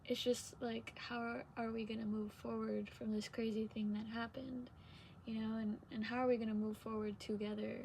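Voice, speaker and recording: A young adult woman vlogging in casual, unscripted confessional chat, hesitant, trailing off and pausing between phrases. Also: a little high, flat delivery, gravelly, darkish tone, slight background noise, poor audio. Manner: hesitant, trailing sentences with long pauses.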